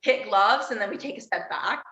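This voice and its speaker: A young adult woman, a podcast guest, telling a story in lively, casual chat, acting out quotes and leaning heavily on "like.". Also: mid-range voice, a little fast. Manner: animated, acts out quotes, many "like" fillers. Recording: roomy, dull-sounding.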